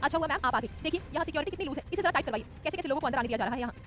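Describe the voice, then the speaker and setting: A woman voicing Tara, a brash, quick-tempered young woman contestant, in an audio love story. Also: high-pitched, lively intonation, fairly bright tone, slight background noise, pitched above the performer's own voice. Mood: indignant.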